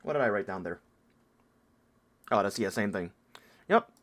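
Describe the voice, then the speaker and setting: A man's voice: lowish voice, lively intonation, moderate pace. A man who is sick with a stuffy nose and a nasal voice, talking through a game event in a casual, rambling walkthrough and correcting himself as he goes. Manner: rambling, self-correcting, thinking aloud. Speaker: game guide creator.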